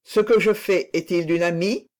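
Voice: medium pitch, normal speed, natural voice. A reader voicing an overwhelmed nobleman. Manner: breathless, exclamatory. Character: overwhelmed nobleman torn by love.

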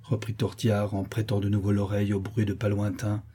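A man reading a novel aloud as narrator, measured storytelling. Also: lowish voice, monotone, dark tone, husky. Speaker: audiobook narrator. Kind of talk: scripted narration.

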